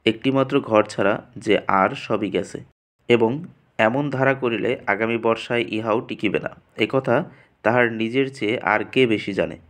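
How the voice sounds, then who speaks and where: A man reads a classic short story aloud as an audiobook narrator. His delivery is steady and measured. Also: fairly low pitch.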